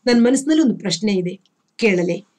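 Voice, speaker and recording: A woman's voice: medium pitch, lively intonation, a little fast, a little mellow, lightly acted. A woman reading the part of a troubled, grieving woman who speaks in a pleading, tearful way. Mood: distressed.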